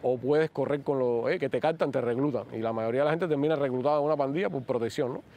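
A man with a Cuban accent, a guest recounting his years in prison in an animated interview manner. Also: mid-range voice, fast. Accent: Cuban Spanish. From Cuba. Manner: animated, acts out quoted speech. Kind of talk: interview storytelling.

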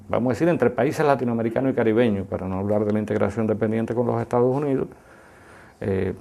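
A man speaks like a scholar in an interview. His voice is mellow and creaky, and he lays out his analysis deliberately, pausing and leaning on key words. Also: mid-range voice. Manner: deliberate, didactic, with emphatic stresses and pauses. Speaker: academic expert being interviewed. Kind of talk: extended analytical interview answer.

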